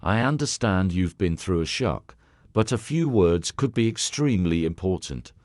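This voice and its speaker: A man voicing a calm, courteous elderly detective who asks questions softly and drops French words. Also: low voice, normal speed, no echo, studio quality. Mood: calm probing. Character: elderly male Belgian detective, calm and probing.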